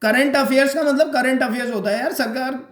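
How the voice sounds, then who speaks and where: A man giving a casual exam-prep lesson, repeating his points and checking in with "okay?" and "clear?". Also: very high-pitched, fairly quick, a bit bright, roomy sound. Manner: repeats points, addresses viewers as guys and friends.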